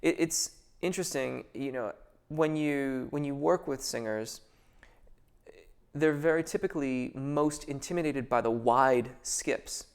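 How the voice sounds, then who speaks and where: This man, a vocal coach, has a clear, resonant mid-range voice and speaks unhurriedly while answering viewers in a casual live Q&A. His replies start hesitantly, full of fillers and restarts, before turning into thoughtful, careful technical explanations.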